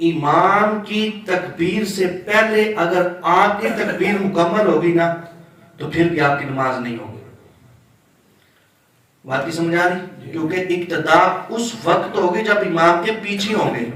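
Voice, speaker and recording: A man's voice: a little high, fairly bright tone, very echoey, far from the mic, rough recording. A man teaching the rules of prayer as an Islamic scholar, explaining step by step and drawing out words to demonstrate them. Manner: explains slowly, draws out words when demonstrating; asks listeners questions. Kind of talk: religious lesson on prayer rules.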